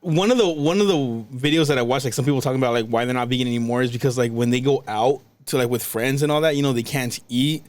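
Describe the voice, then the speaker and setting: A man's voice: mid-range voice, steady tone, no echo. Young man, podcast co-host, casual chat, rambling, stumbling restarts, dry close sound. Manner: rambling, halting restarts, many fillers.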